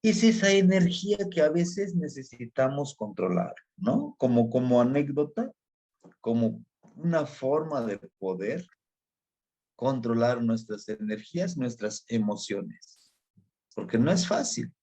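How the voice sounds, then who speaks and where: A man from Mexico, giving an unhurried spoken lesson and talking straight to his listeners. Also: medium pitch, big pitch swings, warm tone. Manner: unhurried, explanatory, addresses listeners directly. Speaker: teacher of Nahuatl tradition. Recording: dull lo-fi recording.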